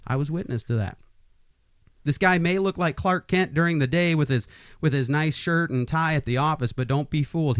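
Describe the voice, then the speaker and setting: A man's voice: medium pitch, clear, resonant tone, no room sound, clean studio sound. A man in his forties from Iowa hosting a podcast, upbeat in his intros and chatty with lots of restarts. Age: 40s. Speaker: podcast host. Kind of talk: casual podcast interview.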